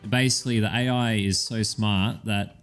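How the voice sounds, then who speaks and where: A man's voice: lowish voice, fairly even intonation, moderate pace, fairly bright tone, soft background music. A man co-hosting a podcast in casual chat, rambling with lots of "um"s and casual swearing. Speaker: podcast co-host.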